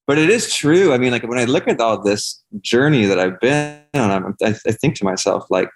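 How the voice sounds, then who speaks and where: A man's voice: medium pitch, expressive, fairly quick. A man talking candidly and casually as a podcast guest, in an earnest, rambling way peppered with swearing.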